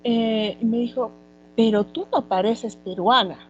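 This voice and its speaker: Peruvian woman teaching a relaxed class. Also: fairly high pitch, a little slow, lo-fi sound, a little hiss or hum. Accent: Peruvian Spanish. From Peru. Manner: conversational, many fillers like "este". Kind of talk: online class lecture.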